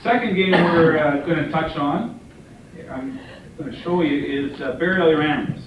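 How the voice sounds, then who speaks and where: A man giving a joking, relaxed class presentation on car games, with many fillers and laughs. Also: on the high side, moderate pace. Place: room with a small group. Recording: echoey room from far off, noisy.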